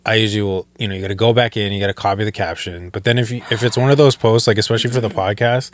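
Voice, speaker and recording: A man's voice: on the low side, fairly even intonation, rapid-fire. A man hosting a podcast, talking in an easygoing way with rambling asides. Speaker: podcast host. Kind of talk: casual chat.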